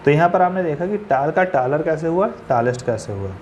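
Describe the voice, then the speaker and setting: A man's voice: on the high side, expressive, a little fast, darkish tone, muffled recording, slight background noise. A man teaching a grammar lesson. He asks questions and answers them himself, and he spells words out letter by letter.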